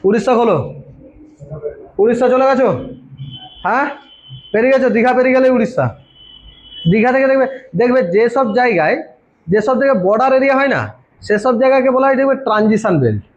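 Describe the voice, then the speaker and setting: A man's voice: extremely high pitch, quick pace, long pauses. A man teaching an exam-prep geography class, who keeps firing questions at his students and answering them himself. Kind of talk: informal classroom lecture. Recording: dull lo-fi recording.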